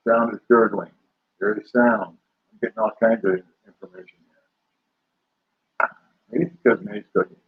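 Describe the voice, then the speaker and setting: A man's voice: on the low side, normal speed, pauses often, slightly rough. Man with metallic robot-like stream audio. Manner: rambling, relaxed, trails off with fillers. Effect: metallic, garbled robot-like stream audio. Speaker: livestream host. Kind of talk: casual livestream chat with viewers. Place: home room with the air conditioner running. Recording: dull lo-fi livestream audio.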